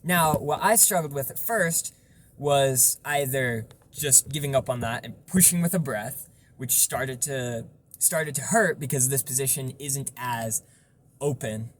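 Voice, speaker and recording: A man's voice: mid-range voice, measured pace, a little hiss or hum. A man giving an informal, explanatory tutorial on vocal technique, stressing points through repetition.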